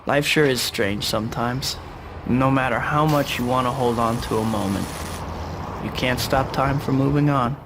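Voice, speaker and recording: A man's voice: medium pitch, moderate pace, heavy background noise, natural voice. A young American man playing an earnest, brooding young superhero, solemnly delivering scripted game narration and dialogue. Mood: reflective. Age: young adult. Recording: loud music behind the voice.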